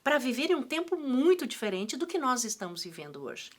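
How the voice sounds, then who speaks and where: Woman, fairly high voice, lively melody, earnest, conversational co-host. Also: fairly quick. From Brazil. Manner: earnest, keeps adding "né?".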